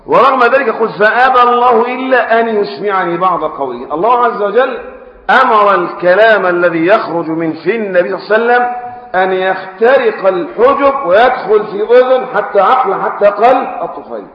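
A man preaching a religious lesson with an Egyptian Arabic accent. He explains classical texts in everyday speech, switching between loud emphatic stresses and quiet asides, and he puts questions to his audience. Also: sits high, lively intonation, fairly quick. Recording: echoey hall, dull lo-fi sound.

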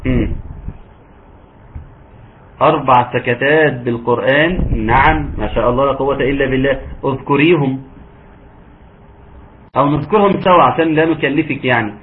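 Egyptian man teaching Quran recitation over a thin line. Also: medium pitch. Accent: Egyptian Arabic. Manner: patient, encouraging, breaks into slow drawn-out recitation. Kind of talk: online tajweed lesson. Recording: narrow phone-like audio, faint hiss.

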